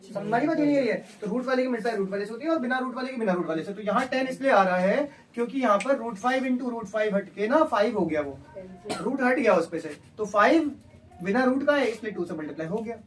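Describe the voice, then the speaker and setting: With a very high, expressive voice and a fast pace, a man teaches a live maths class, repeating steps and putting questions to his students. The recording is made far from the microphone.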